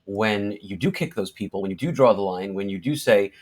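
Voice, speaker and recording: A man's voice: lowish voice, a little fast. A man making an articulate, emphatic point in a casual panel discussion.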